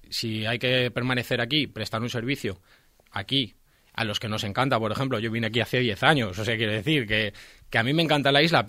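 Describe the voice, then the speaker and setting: Male officer guest, radio studio, measured and explanatory, dry close sound. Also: medium pitch, fairly bright tone, no echo. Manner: measured, explanatory, with frequent fillers. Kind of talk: radio interview answers.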